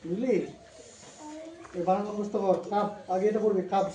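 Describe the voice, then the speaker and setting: A woman's voice: mid-range voice, fairly even intonation, normal speed, mellow, roomy sound, a little hiss or hum. A woman tutoring a child, sternly drilling word meanings and spellings and scolding. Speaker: home tutor.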